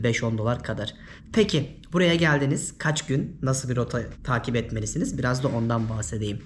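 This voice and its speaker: A man from Turkey whose voice is hoarse and giving out from illness, giving informal travel advice as a vlogger. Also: mid-range voice. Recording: noisy ambient background.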